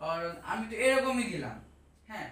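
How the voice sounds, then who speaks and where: A woman's voice: mid-range voice, sing-song, normal speed. Woman teaching a science class, keeps asking and repeating, sounds far from the mic in a roomy space. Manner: asks and repeats questions to pupils. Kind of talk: classroom lesson. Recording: echoey room, distant mic.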